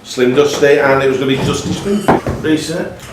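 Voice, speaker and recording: A quiz master hosting a live quiz reads questions aloud to contestants in a roomy pub. His medium-pitched voice moves at normal speed, and the recording is very noisy and echoey, with the mic slightly distant.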